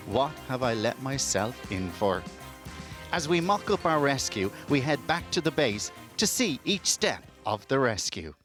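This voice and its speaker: A man reading scripted narration as a television reporter. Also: medium pitch. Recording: voice-over with clear music bed.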